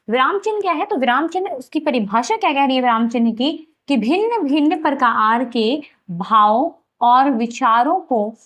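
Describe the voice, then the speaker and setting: Hindi teacher woman, repetitive and explanatory. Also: high-pitched. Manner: repetitive, rhetorical questions answered herself. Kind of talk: grammar lesson.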